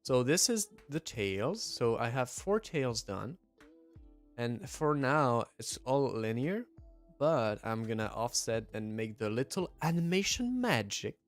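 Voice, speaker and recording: Very animated yet measured in pace, a young man from southwest France speaks with a French accent in a mid-range voice. He chats casually on his livestream and reads chat aloud, hesitating with fillers and restarts, as soft music plays behind him.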